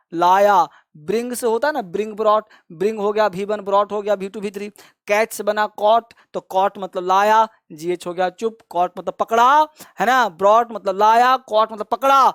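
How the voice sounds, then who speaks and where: A man's voice: high voice, a bit bright, no echo, studio quality. A male English teacher explaining a lesson, who repeats each rule over and over and fondly addresses his viewers as friends and kids.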